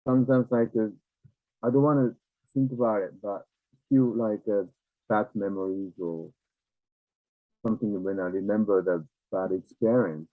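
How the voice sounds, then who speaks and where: A man from Japan with a Japanese accent, a non-native speaker explaining ideas reflectively and conversationally, haltingly searching for words. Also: on the low side, fairly even intonation. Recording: tinny, narrow phone-like, echoey room.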